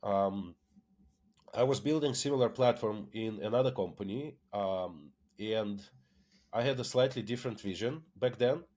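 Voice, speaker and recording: Low-voiced man from Lithuania, halting. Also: darkish tone. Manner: hesitant, many fillers and repeated words. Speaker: tech company founder, guest. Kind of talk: casual interview conversation.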